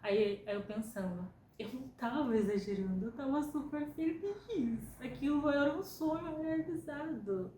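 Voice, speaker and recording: A woman's voice: sits high, measured pace, hardly any pauses, echoey room, a little hiss or hum, poor audio. A young Brazilian woman telling a personal story in a chatty way, acting out the lines of people she quotes. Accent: Brazilian Portuguese. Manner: relaxed, chatty, acts out quotes. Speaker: vlogger.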